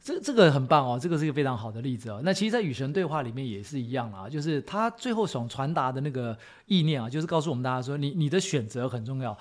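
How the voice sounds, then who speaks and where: A middle-aged man from Taiwan, co-hosting a podcast and calmly explaining ideas, often checking in with "right?". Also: medium pitch, quick pace, few pauses. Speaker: podcast co-host. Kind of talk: casual advice chat.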